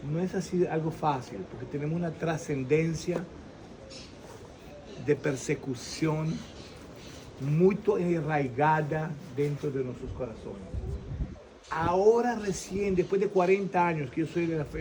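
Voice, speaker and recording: Older Venezuelan man, lively testimony outdoors. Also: a little high, a little slow, pauses often, background noise. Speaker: interviewee giving his faith testimony. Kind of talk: animated personal testimony.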